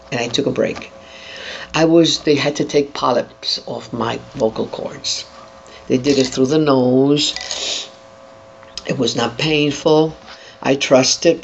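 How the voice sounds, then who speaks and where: An older entertainer giving an interview, talking in an animated way and demonstrating voices while handing out advice. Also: medium pitch, vocal fry. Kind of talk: interview chat. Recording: dull lo-fi, faint noise.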